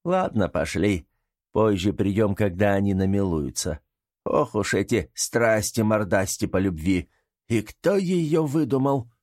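A man's voice: fairly low pitch, expressive, measured pace, darkish tone. A man voicing a sneering man who mocks others theatrically in an audiobook reading. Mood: irritated. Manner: mocking, theatrical.

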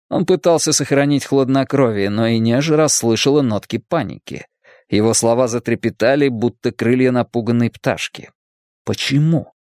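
A man narrating a novel in an even, measured voice at a middle pitch. The recording is dry and close, with no room echo. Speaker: audiobook narrator. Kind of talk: scripted narration.

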